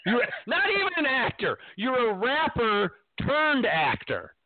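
A man hosting a casual sports chat, animated and ranting, laughing often. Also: very high-pitched, unhurried, dry recording. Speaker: podcast host. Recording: tinny phone-like line.

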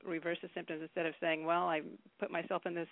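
A woman's voice: lowish voice, flat delivery, dry recording. Rambling woman in her fifties on a phone line. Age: 50s. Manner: rambling, halting restarts. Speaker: caller. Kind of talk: casual phone chat.

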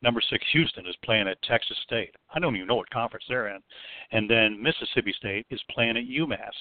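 A man from Florida calling in to a radio show over the phone, chatty and rambling as he piles on quick points. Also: medium pitch, no room sound. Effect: heard over the phone. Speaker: radio call-in caller. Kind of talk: casual call-in chat. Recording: tinny phone line, dry.

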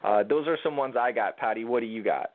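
A man's voice: medium pitch, brisk. A man co-hosting a talk radio show, explaining conflict skills in a hesitant, thoughtful way. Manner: hesitant, thoughtful, filler-heavy. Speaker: co-host, conflict coach. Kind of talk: casual advice talk. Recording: phone-like lo-fi sound.

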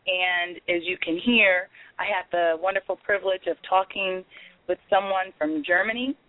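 A woman calling in to a radio show over a phone line, speaking earnestly and encouragingly, with frequent pauses on "um". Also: fairly low pitch, steady tone, no echo. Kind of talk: promotional call-in pitch. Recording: tinny phone-line call.

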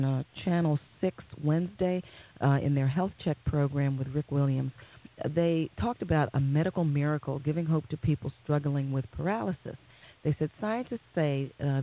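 A woman presents a talk radio show in a measured, formal manner, partly from notes. Her low voice comes through thin, narrow-band audio like a phone line. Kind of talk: semi-scripted talk radio hosting, reading announcements and news.

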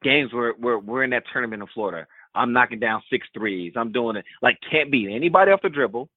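A man, a former college basketball player and podcast guest, telling a personal story in an animated way and repeating words for emphasis. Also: medium pitch, quick pace, dry recording. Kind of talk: candid storytelling in a podcast interview. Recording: tinny remote call line, dry.

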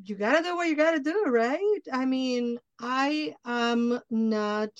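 A woman's voice: on the high side, dry recording, highs cut off. A woman hosting an interview, effusive and enthusiastic, whose first language is Spanish. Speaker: show host. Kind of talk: casual interview chat.

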